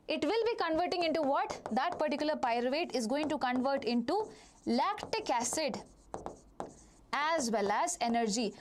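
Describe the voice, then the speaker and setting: A woman's voice: sits high, slight background noise. A woman with an Indian accent teaching a live online lesson, repeating phrases, asking questions and answering them herself while addressing students directly. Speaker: biology teacher.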